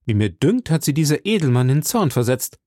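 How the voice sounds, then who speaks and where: A man's voice: mid-range voice, big pitch swings, brisk, a little mellow, no echo, studio quality, pitched above the performer's own voice, natural voice. A man voicing a young, hot-headed male swordsman who speaks in a raised, courtly but challenging manner, from a storybook reading. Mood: defiant gallant.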